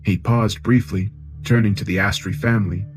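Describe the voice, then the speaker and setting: A man narrating a science fiction horror story in a measured, grave tone, with music behind. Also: on the low side, fairly even intonation.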